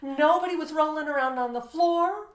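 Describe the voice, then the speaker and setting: A high-voiced American woman talks at normal speed on the education show she co-hosts. As a teacher, she brings classroom stories to life, voices the dialogue, and stresses her teaching advice. The audio carries an echoey room sound.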